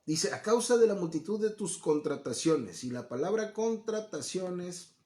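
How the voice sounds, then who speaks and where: Male preacher, conversational Bible teacher, higher voice, roomy echo. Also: lively intonation, a little slow, darkish tone. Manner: conversational, acts out quoted voices, asks listeners "¿no?". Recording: echoey room.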